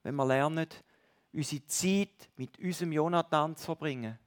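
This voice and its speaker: A preacher gives a sermon in a somewhat high voice. He talks to his listeners in a conversational way, sometimes pushing a line out with force and then dropping to a near hush. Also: normal speed. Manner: emphatic, swings between loud stresses and hushed lines; speaks directly to listeners, conversational.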